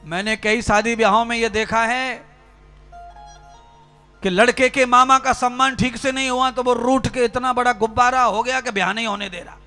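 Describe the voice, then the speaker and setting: A man's voice: very high voice, level tone, moderate pace, sharp tone, soft background music. A man preaching a sermon, exhorting his listeners with rhythmic repeated phrases. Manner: exhorting, direct address to listeners, rhythmic repetition. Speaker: spiritual preacher.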